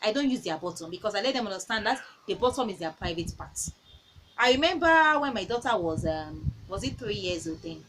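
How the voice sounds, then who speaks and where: A woman's voice: medium pitch, animated, a little fast, noisy background. A woman in her thirties giving earnest parenting advice in a casual talk. She repeats phrases and tells stories from her own home.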